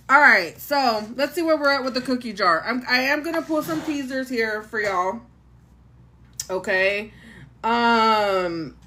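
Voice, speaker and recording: On her relaxed tarot livestream, this country-accented host talks with her viewers and answers her chat in an easy, chatty way. Her pitch is fairly high, and her delivery sounds bright and pushed.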